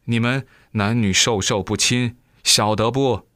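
A man's voice: medium pitch, steady tone, unhurried, fairly bright tone, no room sound, studio quality, lightly acted. A man voicing a stubborn old father who scolds and refuses. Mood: scolding. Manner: gruff, scolding. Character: stubborn old father, protective of his daughter.

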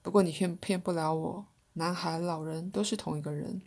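Half-mad caped young man, shouting and indignant, gravelly low voice, as a woman reader puts him on. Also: fairly even intonation, moderate pace. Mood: frustrated.

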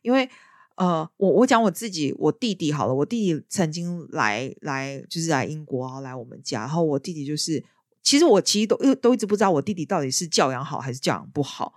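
A woman chatting casually as a podcast host, telling her stories in a lively way. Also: low-pitched, fast, dry recording, studio quality. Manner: lively storyteller. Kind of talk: casual chat.

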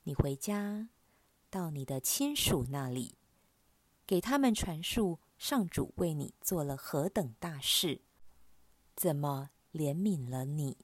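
A woman voicing a calm, merciful male teacher who gives commands in a scripture reading. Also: low voice, takes it slowly, no echo, full character voice. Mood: commanding.

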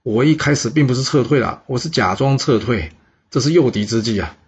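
A man voicing a worried younger-brother general who talks in an anxious, pleading manner, in a husky voice on a dull recording. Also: medium pitch, a little fast.

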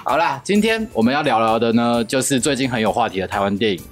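A woman's voice: extremely low pitch, lively intonation, quick pace, faint music behind. A woman with a Taiwanese Mandarin accent, hosting a podcast in casual chat. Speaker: podcast host.

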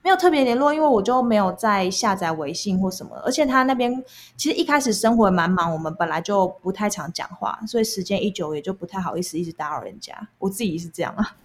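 A woman's voice: medium pitch, expressive, fast talker. A young adult woman speaks with a Taiwanese accent in a mid-range voice. She tells stories casually and candidly, explaining things in an everyday conversational way. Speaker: guest recounting past jobs.

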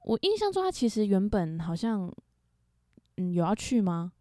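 A woman's voice: mid-range voice, big pitch swings, normal speed, mellow, no echo, clean studio sound. A young woman with a Taiwanese Mandarin accent, co-hosting a casual podcast chat, teasing and asking follow-up questions. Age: young adult. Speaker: podcast co-host.

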